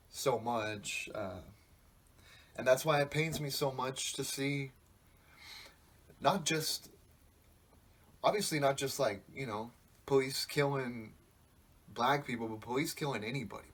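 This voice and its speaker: A man's voice: medium pitch, measured pace, long pauses, fairly bright tone, slightly rough. Man, twenties, podcast host, casual monologue, rambling, profane, reflective. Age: 20s.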